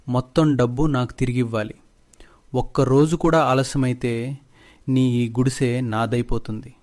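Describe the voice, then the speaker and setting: A man's voice: mid-range voice, a little mellow, natural voice. Man doing a scornful greedy village headman, sarcastic, storybook cartoon. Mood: mocking. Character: mocking greedy middle-aged male village headman.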